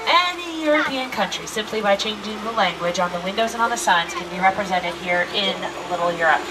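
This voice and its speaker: A woman tram tour guide giving an upbeat, playful scripted narration to riders, heard through an outdoor tram loudspeaker. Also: medium pitch, animated, fairly quick. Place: open-air studio tour tram. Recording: distant outdoor loudspeaker with crowd and vehicle noise.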